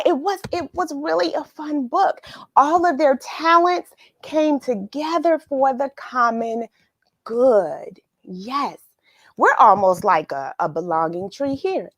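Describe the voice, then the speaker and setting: A high-voiced woman hosts a children's read-along at home, and after the story she chats with young viewers in a casual, expressive way, musing aloud as she addresses them. No room sound is audible.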